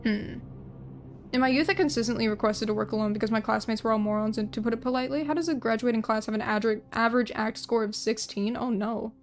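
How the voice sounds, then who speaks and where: A woman's voice: a little high, steady tone, quick pace. A young woman streaming while she draws, chatting casually with viewers in a rambling, self-deprecating way, full of restarts. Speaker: art streamer. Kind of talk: casual livestream chat while drawing.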